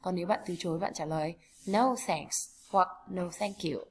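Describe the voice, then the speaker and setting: A woman with a Vietnamese accent teaching an English lesson to children, saying each word slowly and repeating it for pupils to copy. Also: fairly low pitch, darkish tone. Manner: slow, carefully repeats words for pupils to copy.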